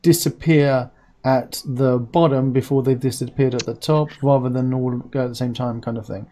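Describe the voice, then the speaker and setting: A man's voice: mid-range voice, fairly even intonation, moderate pace, dark tone, slight background noise. A man in his forties who pronounces his r's as w's, hosting a casual live stream in a chatty, rambling, anecdotal way. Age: 40s. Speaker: host.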